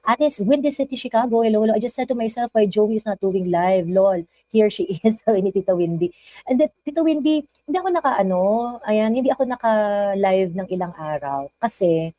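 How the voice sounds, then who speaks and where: A woman's voice: medium pitch, animated, normal speed, warm tone, no room sound, rough recording. Chatty Filipino woman livestream host. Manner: chatty, code-switching, reads viewer comments aloud. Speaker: live stream host. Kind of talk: casual live chat greeting viewers.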